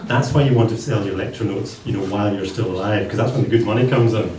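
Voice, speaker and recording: Performing stand-up live for an audience, a Hebridean Scottish man from the Western Isles spins his stories with dry wryness. His voice runs low, quick and a little mellow, recorded from a distance in an echoey room with faint noise.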